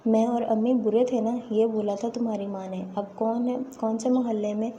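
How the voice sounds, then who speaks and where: A woman's voice: on the high side, fairly even intonation, mellow, highs cut off, a little hiss or hum, lightly acted. A woman reading the lines of a spiteful young rival in a storybook tale, taunting and gloating.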